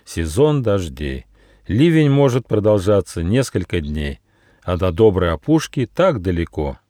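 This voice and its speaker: A man narrating his own children's fairy tale, expressive and playful. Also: deep voice, unhurried, no room sound, clean studio sound. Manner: expressive, switches into many character voices. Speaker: author reading his own book. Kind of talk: storybook narration with character voices.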